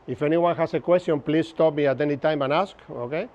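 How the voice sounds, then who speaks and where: This is an Argentine man in his fifties, a native Spanish speaker with a Buenos Aires accent, lecturing at a workshop in an open-air pavilion. His pitch sits fairly high, he speaks a little fast, and the recording's highs are cut off. His instructor style is chatty and jokey, with frequent check-ins with the audience.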